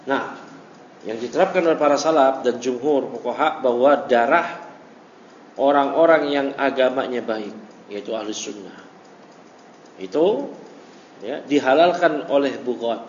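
A man's voice: medium pitch, unhurried, long pauses. A male religious teacher giving a study lecture, reading Arabic text and explaining it in casual speech, acting out quoted dialogue. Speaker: ustadz teaching a classical text. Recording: echoey hall, dull lo-fi audio, faint hiss.

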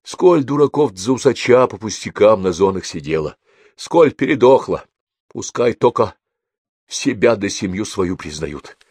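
A man voicing a foul-mouthed old man in his eighties on his deathbed, gruff and short of breath. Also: fairly low pitch, animated, a little slow, a little mellow, dry recording, clean studio sound. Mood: grumbling.

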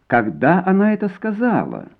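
A man's voice: high voice, wildly swooping pitch, moderate pace, voice pushed up, exaggerated voice. A man reading a story, voicing a harsh middle-aged woman police colonel who barks orders. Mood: indignant. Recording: tinny phone-like sound.

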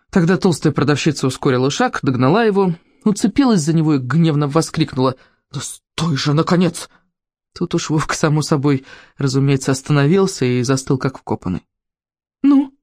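A reader narrating a children's story in an expressive, storytelling way. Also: mid-range voice, dry recording, clean studio sound. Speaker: audiobook narrator. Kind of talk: scripted narration.

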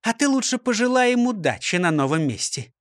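A man's voice: sits high, very animated, a little fast, dry recording, clean studio sound, voice pushed up. A man voicing a stern, strong-willed woman who scolds in indignant tones. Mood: firm.

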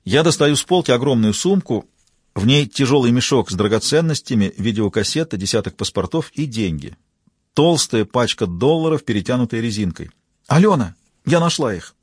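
A man reading a novel aloud in steady, even scripted narration. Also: medium pitch, a little fast, slightly rough, no room sound, clean studio sound. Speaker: audiobook narrator.

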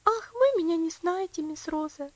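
Storybook little girl, earnest and devoted, high and eager, read by a woman, dull dry lo-fi sound. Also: lively intonation, moderate pace, no echo. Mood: eager, heartfelt. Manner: eager, heartfelt. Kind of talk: audiobook character voice.

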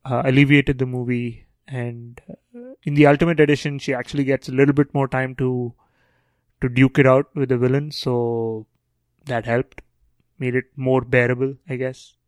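A man's voice: mid-range voice, little pitch movement, moderate pace, no echo. A man co-hosting a podcast, chatting casually with wry, sarcastic banter. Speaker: podcast co-host. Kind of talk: casual chat.

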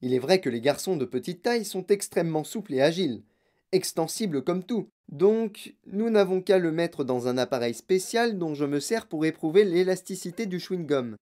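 An eccentric man runs his chocolate factory with theatrical, breezy flair, as a woman reading the storybook puts him on. The voice swings widely and stays mellow and soft-edged. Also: lowish voice, lively intonation, normal speed, natural voice. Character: eccentric excitable male chocolate-factory owner. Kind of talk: audiobook reading.

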